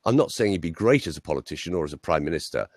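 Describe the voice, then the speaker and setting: A man's voice: low voice, rapid-fire, no room sound, studio quality. A man, a voice coach, telling anecdotes in a casual interview chat over a video call. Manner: lively anecdotal storytelling.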